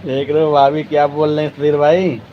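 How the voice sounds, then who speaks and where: A man's voice: a little high, level tone, fairly quick, dull audio, a little hiss or hum. Man teasing viewers on a live stream. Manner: teasing, playful banter, addressing viewers directly.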